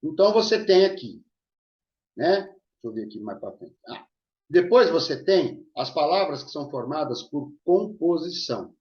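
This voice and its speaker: A man's voice: a little high, animated, normal speed. A male teacher explaining grammar in an online lesson, checking in with his students as he goes. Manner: explanatory, checks in with listeners often. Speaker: Portuguese teacher. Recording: echoey room, dull lo-fi sound.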